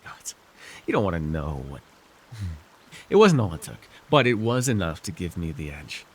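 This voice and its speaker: A voice actor plays a scheming, weary villain lord in an immersive fantasy ASMR roleplay, his low, husky voice swinging widely in pitch. He sounds wry and persuasive, delivering lines theatrically and with exaggeration, breaking off into musing pauses and sighs. The mood is weary and brooding.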